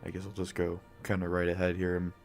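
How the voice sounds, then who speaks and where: A young man streaming from home with a raspy morning voice, rambling casually with lots of fillers and swearing, close to a desk mic. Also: low-pitched, completely flat delivery, quick pace, soft background music. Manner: rambling, loose, swears often, frequent fillers and coughs. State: raspy morning voice, just woke up. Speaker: gaming streamer. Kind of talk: casual live-stream chat. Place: home room, talking quietly since family is asleep. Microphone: desk microphone, close up.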